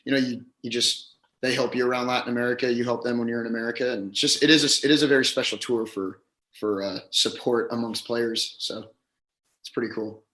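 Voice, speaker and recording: Hoarse man in a roomy space. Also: medium pitch, fairly even intonation, fairly quick, fairly bright tone. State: hoarse, voice a little gone. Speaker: professional golfer, podcast guest. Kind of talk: casual chat.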